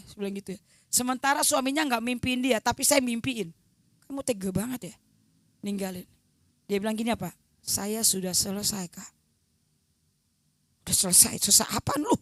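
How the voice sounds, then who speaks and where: Woman, evangelist sermon, fairly high voice, hushed to loud emphatic swings, dry close sound. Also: dry recording. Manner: colloquial, acts out remembered dialogue. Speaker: evangelist preacher. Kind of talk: sermon with personal testimony.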